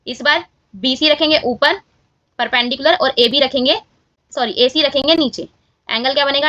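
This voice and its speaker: A woman's voice: sits high, pushed and bright, no echo, dull audio. A woman teaching a maths lesson, walking students through each step and often correcting herself.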